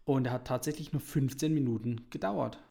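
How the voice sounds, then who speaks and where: A man hosting a podcast, talking in a calm, measured way and asking his guest questions. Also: medium pitch, creaky. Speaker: podcast host. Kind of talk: casual podcast conversation.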